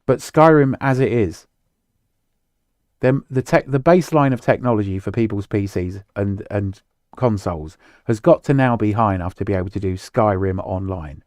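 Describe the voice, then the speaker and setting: A man's voice: fairly low pitch, normal speed, a little mellow, dry recording, studio quality. A man co-hosting a casual chat about video games, rambling and losing his words mid-sentence. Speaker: podcast co-host.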